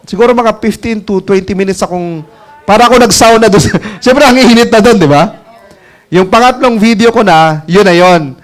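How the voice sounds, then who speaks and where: With a high voice and a super chatty manner, a network marketing mentor tells a casual story to a crowd. He laughs a lot, asks "alam mo yung ganun?", and audience laughter can be heard.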